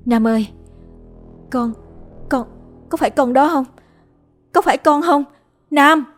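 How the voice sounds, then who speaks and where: A woman voicing a grieving young mother haunted by her dead son, calling out high and tearful or murmuring low in prayer. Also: takes it slowly, faint music behind. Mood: pleading, tearful.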